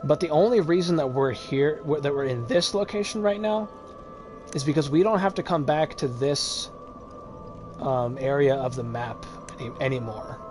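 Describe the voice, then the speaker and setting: A man streaming a video game talks loosely as he plays, piling up "um" and "like" and breaking into short chuckles. His voice sits a touch high for a man. Game music plays clearly under him the whole time. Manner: rambling, filler-heavy, quick chuckles. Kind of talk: casual gameplay commentary.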